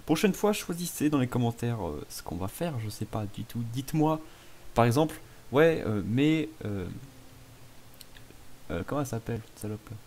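A man's voice: mid-range voice, very animated, moderate pace, darkish tone. A man casually commentating a video game, playful and self-mocking as he chats with viewers. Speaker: gaming YouTuber. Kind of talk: casual let's play commentary.

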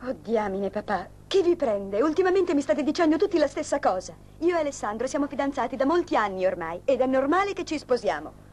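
A woman's voice: high-pitched, big pitch swings, a little fast, a little mellow. A woman voicing a spoiled, impatient young woman eager to marry, in a dubbed telenovela. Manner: impatient, snobbish. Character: spoiled, excitable young bride-to-be. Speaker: daughter.

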